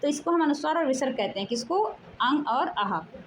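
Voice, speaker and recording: A woman's voice: high voice, animated, slight background noise, low-quality recording. A woman teaching a Hindi grammar lesson, explaining step by step, stretching out sounds and asking questions that she answers herself. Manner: explanatory, drawn-out syllables, asks questions then answers.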